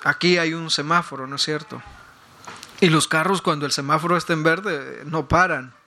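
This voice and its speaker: Pastor guy preaching, high and bright, keeps repeating words and getting loud. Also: fairly even intonation, moderate pace, a little hiss or hum. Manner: emphatic, rises to loud peaks and repeats words. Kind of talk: sermon.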